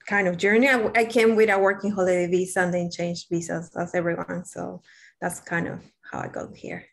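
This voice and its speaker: A woman's voice: on the low side, level tone, fairly quick, vocal fry. A young woman from Peru with a Peruvian Spanish accent, Spanish her first language, speaking candidly and self-deprecatingly as a guest in a casual interview.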